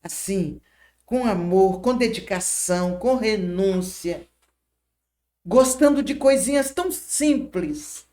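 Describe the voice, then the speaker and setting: An older woman, a podcast guest gently recounting memories and often checking in with her listener. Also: medium pitch, slow. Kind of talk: reminiscing storytelling.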